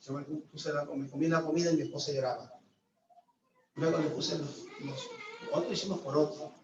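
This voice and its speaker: A male pastor from Venezuela giving a sermon testimony, telling his story with sudden loud outbursts and hushed asides. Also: a little high, very animated, moderate pace, background noise. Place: church hall. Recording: distant echoey church room, dull sound.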